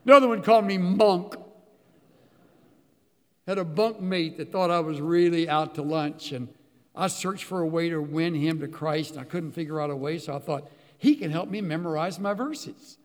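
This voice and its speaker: An older male pastor delivers a storytelling sermon in a fairly high voice. He quotes scripture, rising with emphasis and then sinking to near whispers. The sound carries a long reverberant hall tail. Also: moderate pace. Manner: storytelling, quoting scripture with emphatic rises and hushed drops.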